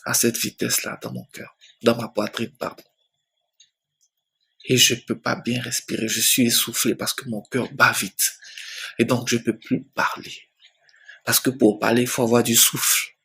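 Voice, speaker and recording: A man telling his personal faith testimony slowly, repeating phrases and often dropping to a soft, near-whispered voice. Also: medium pitch, flat delivery, vocal fry, husky. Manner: slow storytelling with many repetitions. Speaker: church member giving a testimony.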